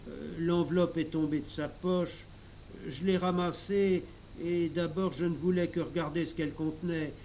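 A man reading a storybook and voicing a smooth-talking thief who answers politely and evasively. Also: on the high side, steady tone, normal speed, a little mellow, a little hiss or hum, voice pushed up, lightly acted.

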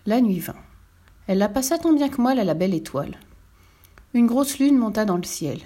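A woman's voice: fairly high pitch, normal speed. French woman reading a children's story aloud. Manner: expressive, lively storytelling. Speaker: narrator.

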